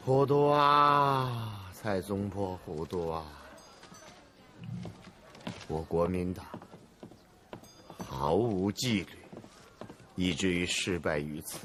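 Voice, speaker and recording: A man's voice: sits low, slow, long pauses, noisy background. An actor playing a stubborn middle-aged male revolutionary leader in a historical drama, vehement and stammering when enraged. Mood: bitter.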